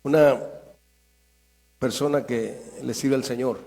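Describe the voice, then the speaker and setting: A man preaching a sermon in a church, swinging between loud fervent prayer and quiet asides. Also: medium pitch, steady tone, slow, vocal fry. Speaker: pastor.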